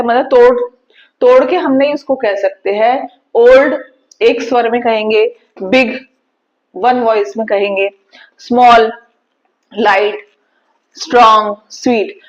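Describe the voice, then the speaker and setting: A woman with a high voice teaches grammar at an unhurried pace, putting questions to her class and answering them herself. The sound is slightly muffled and lo-fi. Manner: explains step by step, asks and answers her own questions. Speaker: English teacher.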